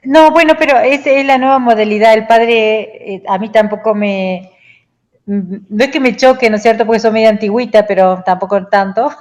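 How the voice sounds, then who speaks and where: A woman's voice: fairly high pitch, normal speed, darkish tone. A woman student in an online class discussion, chatty and full of tag questions.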